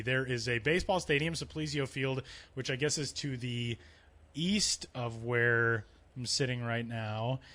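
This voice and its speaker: A man's voice: medium pitch, fairly bright tone. A man hosting a sports podcast in casual, rambling chat, his voice echoing like in a cave from a stadium press box. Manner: chatty, upbeat, rambling with fillers. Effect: hollow cave-like echo. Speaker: podcast host.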